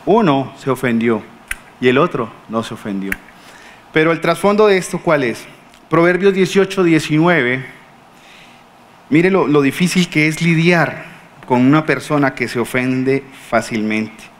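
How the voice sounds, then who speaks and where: A man preaching a sermon in a Colombian accent, telling stories lively and acting out the people he quotes, often asking the congregation questions. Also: on the high side, unhurried, a little hiss or hum. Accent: Colombian Spanish. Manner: animated storytelling, acting out quoted speakers.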